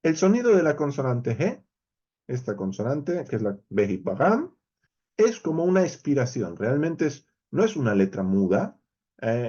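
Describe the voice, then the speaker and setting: A man's voice: fairly high pitch, dark tone, highs cut off. A man with a Spain Spanish accent teaching a verse-by-verse Bible study lesson, explaining animatedly and speaking straight to his viewers.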